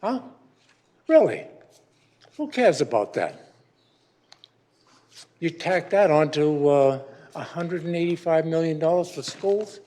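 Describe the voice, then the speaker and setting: Pausing often and speaking slowly in a sing-song way, a man in his eighties gives a grumbling, meandering public comment before the city council, with many restarts. His voice is fairly high and mellow.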